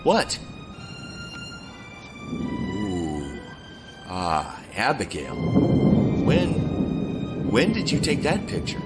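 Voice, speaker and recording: A nervous, protective boyfriend, as a man plays him, stammering with a lively, rising and falling pitch and a slow pace. Strong music plays behind him in this audio drama. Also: exaggerated voice.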